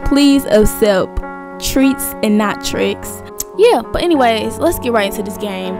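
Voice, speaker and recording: A young woman gaming at home talks to her viewers in a casual, slangy way, nervous and jumpy as she plays. Her voice sits a little high with a gravelly edge, and she speaks at an unhurried pace. Music plays clearly behind her. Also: animated. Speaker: gaming YouTuber. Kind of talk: casual let's-play chat to viewers.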